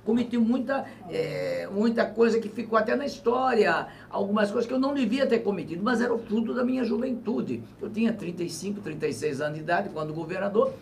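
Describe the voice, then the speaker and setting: A man in his seventies, a former governor, talks through politics in an interview, reflective and measured with emphatic bursts. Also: sits high, vocal fry. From Brazil. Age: 70s. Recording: distant mic with faint ambient noise.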